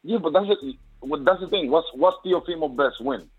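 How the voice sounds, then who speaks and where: A man's voice: on the high side, normal speed. A man from Boston calling in to a sports show, casually arguing and challenging with questions. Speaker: caller to boxing show. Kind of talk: casual argumentative phone-in. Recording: husky tinny phone line, faint music.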